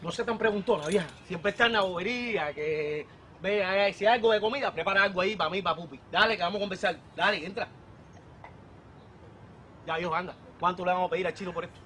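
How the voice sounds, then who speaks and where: An actor playing a brash, streetwise bicycle thief in a Cuban TV police drama, talking with a Cuban accent. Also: male voice, sits high, quick pace, pushed and bright, slight background noise.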